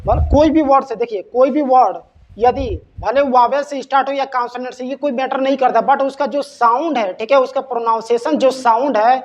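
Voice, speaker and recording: A man's voice: extremely high pitch, steady tone, a little fast. A male English teacher with a Hindi accent who gives a lesson. He keeps checking in with his students and asks questions that he then answers himself. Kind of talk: classroom-style lesson. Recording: slightly dull sound with faint noise.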